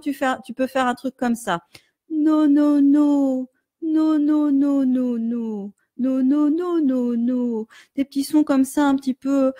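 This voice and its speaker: Lady singing teacher on a live stream, kinda high voice, dry close mic, lots of euh, hums and sings little demo bits. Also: no room sound. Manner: demonstrates hums, vowels and sung exercises; gentle, patient explanation with many fillers. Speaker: vocal coach.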